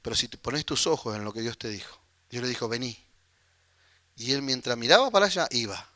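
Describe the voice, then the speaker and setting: A man with a Rioplatense Spanish accent preaching a sermon, animated and acting out the voices of people in the story. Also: mid-range voice, fast talker, dry recording. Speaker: pastor.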